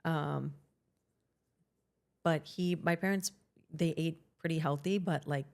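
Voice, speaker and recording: A woman's voice: deep voice, fairly even intonation, takes it slowly, vocal fry, darkish tone. A middle-aged woman with a Boston accent, a guest chatting casually in an interview, rambling with many fillers and restarts. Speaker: podcast guest, hairstylist and CrossFit coach.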